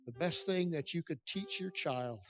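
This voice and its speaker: Preacher at a pulpit microphone, fairly high. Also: male voice, moderate pace, dull audio, over music. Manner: earnest, personal, building to emphatic stresses. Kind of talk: sermon.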